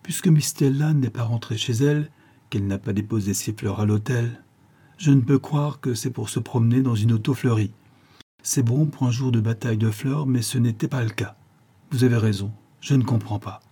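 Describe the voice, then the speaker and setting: A man reading the part of an excitable young American officer in love, in an eager, exclamatory way. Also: medium pitch, normal speed, breathy edge, natural voice. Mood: pensive.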